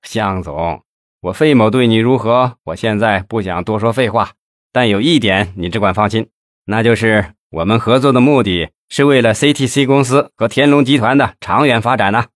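A hearty, flattering middle-aged businessman who is always selling himself, as a male narrator plays him. He talks low and smooth, and the recording is dry and close with no room sound. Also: moderate pace, no echo, lightly acted. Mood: persuasive. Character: scheming middle-aged male official-businessman, glib and boastful.

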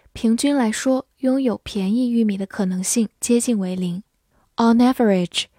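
A woman reading out a scripted English vocabulary lesson, repeating each word slowly and then giving its part of speech and meanings. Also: fairly high pitch, darkish tone, no echo, studio quality. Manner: slow, deliberate word-by-word drilling.

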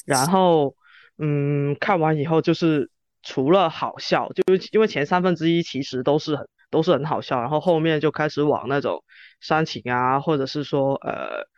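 A man's voice: fairly high pitch, moderate pace, a little mellow, no echo. A man with chatting casually and informally about film as a podcast host. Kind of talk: casual film discussion chat. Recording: dull lo-fi sound, music behind.

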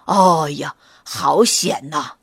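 A woman voicing a big, hungry male gray wolf in a children's story, loud and blustering, slow to catch on. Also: deep voice, breathy edge, dry recording, studio quality, pitched below the performer's own voice, full character voice. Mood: puzzled.

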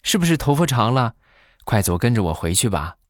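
A man's voice: sing-song, fairly quick, no room sound, clean studio sound, close to an everyday voice. A man doing a pushy young saleswoman. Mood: eager pitching. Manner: eager, persistent sales pitch. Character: pushy young female street promoter.

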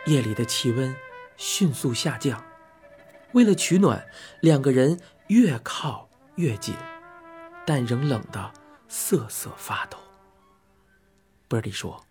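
A man narrating a novel as an audiobook in a soft, unhurried, intimate way. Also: medium pitch, lively intonation, faint music behind. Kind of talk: scripted narration.

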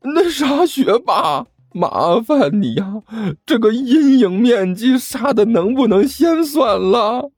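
A man's voice: on the high side, sing-song, normal speed, darkish tone, slightly rough, no room sound, studio quality, soft background music, pitched above the performer's own voice. Man voicing a whimpering chubby schoolboy. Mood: whining. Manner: whimpering, groaning, stammering. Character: chubby panicky schoolboy, whiny and dramatic.

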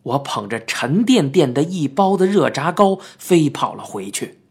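A narrator telling a children's story in the first person, with lively and expressive delivery. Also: mid-range voice, normal speed, creaky, slight background noise. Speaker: audiobook narrator. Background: faint background music.

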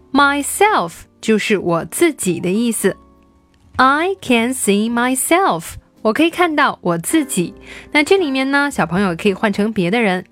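A woman teaching English to young children, slowly repeating words for them to follow. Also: on the high side.

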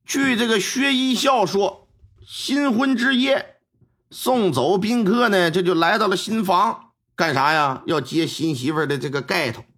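A man telling a historical crime tale in a colloquial, animated storytelling style with wry asides. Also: high-pitched, a little slow.

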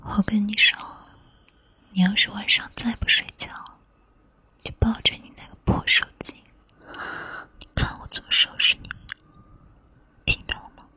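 Woman as a romantic teasing girlfriend, breathy whispered role-play. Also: mid-range voice, flat delivery, moderate pace, pauses often, bright, forceful tone. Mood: teasing, possessive.

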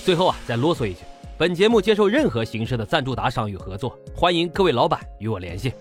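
A man's voice: medium pitch, very animated, quick pace, faint music behind. A man hosting as a true crime narrator, telling a scripted story in a colloquial storyteller's way with rhetorical questions. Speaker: true crime podcast host.

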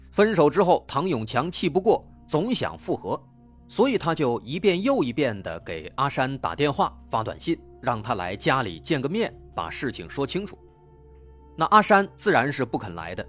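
A man hosting a true-crime podcast, telling a case in a dramatic, lively way. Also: mid-range voice. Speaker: host.

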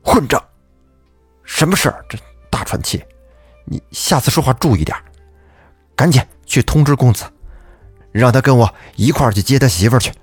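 A man's voice: mid-range voice, expressive, moderate pace, pauses often, breathy edge, dry recording, faint music behind, pitched above the performer's own voice. A man doing a stern old landlord. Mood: scolding. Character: stern older male landlord, scolding.

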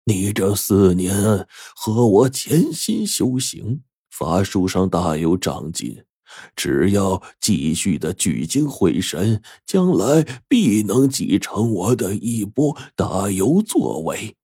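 A man playing a grave old master sorcerer, stern and unhurried, who lays down rules in a low, weighty voice. The voice is husky and close, with no room around it. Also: expressive, warm tone, no room sound, exaggerated voice. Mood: solemn. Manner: slow, weighty admonishing delivery.

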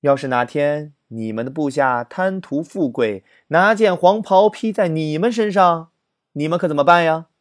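A man's voice: on the high side, no echo, studio quality, close to an everyday voice. Man playing a weary, scheming emperor. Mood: probing. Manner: slow, drawn-out sighing delivery. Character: scheming ancient male emperor, weary and shrewd.

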